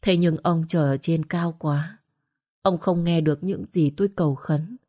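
A woman with a low, dark, mellow voice tells a grieving first-person story. Her delivery is heavy with sorrow and drama, the steady pull of a serialized audio tale. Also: moderate pace.

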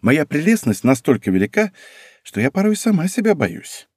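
A man's voice: a little high, sing-song, moderate pace, darkish tone, breathy edge, dry recording, clean studio sound, voice pushed up. A man reading an audiobook, voicing a playful, haughty girl in a sing-song, mock-pompous way. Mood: playful boasting.

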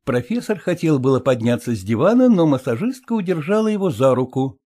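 A man reads the narration of an audiobook with measured storytelling. His voice is husky and mellow, and his pitch moves freely. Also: sing-song. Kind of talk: scripted narration.

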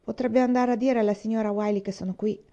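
A brash, quick-tempered young girl, put on by a woman reading aloud snaps back bluntly in a raised, defiant voice. The tone is mellow and a little dark under the cheekiness. The audiobook recording sounds slightly dull. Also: a little high, steady tone, pitched above the performer's own voice, close to an everyday voice. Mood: cheeky. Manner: blunt and defiant, loud outbursts.

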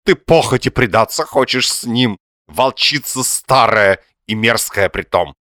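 A man voicing a pompous, self-pitying middle-aged husband who whines in a high, nasal, drawn-out declaiming voice. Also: lively intonation, pushed and bright, no room sound, studio quality. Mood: theatrical lament.

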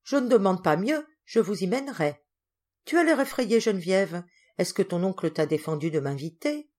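A woman voicing an irritable, meddling older spinster cousin who talks in a sharp, indignant way in a storybook reading. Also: mid-range voice, animated, normal speed, lightly acted.

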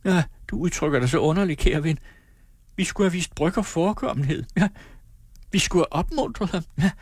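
Man as a sharp, scornful middle-aged mother, voice pushed up, husky edge; storybook reading. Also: medium pitch, expressive, no echo, studio quality, pitched above the performer's own voice. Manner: sharp, scornful, quick retorts.

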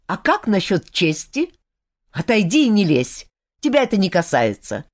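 A woman's voice: medium pitch, sing-song, normal speed. A woman voicing a proud, hot-tempered young man who speaks curtly and bluntly. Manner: curt and blunt.

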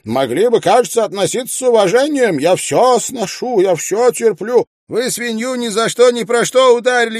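A man's voice: high-pitched, dark tone, dry recording, studio quality, voice pushed up. A man voicing an indignant, quarrelsome noblewoman widow who screeches accusations in an audiobook reading. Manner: screeching tirade, rapid outraged accusations. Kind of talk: audiobook character voice.

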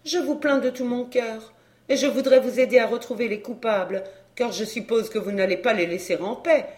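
A woman's voice: on the high side, normal speed, close to an everyday voice. A woman voicing an earnest young woman in an audiobook, asking pressing questions. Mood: eager. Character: earnest young woman seeking her father's killer. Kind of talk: audiobook character reading.

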